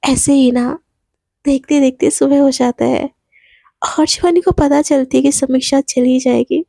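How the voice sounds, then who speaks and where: A woman's voice: sits high, steady tone, a little slow, gravelly, mellow, no room sound. A woman telling a love story in a chatty, casual way, sprinkling fillers. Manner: chatty, heavy use of filler "na".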